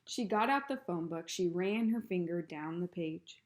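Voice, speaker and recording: A woman reading a children's book aloud in a calm, even storytelling manner. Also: fairly low pitch, moderate pace, noisy background. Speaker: reader.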